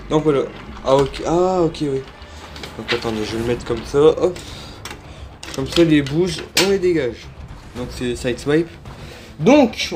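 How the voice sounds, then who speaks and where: A man chatting casually through a toy unboxing, hesitant and full of fillers, often correcting himself, filmed on a handheld phone. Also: fairly high pitch. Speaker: toy collector vlogger. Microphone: handheld phone without tripod.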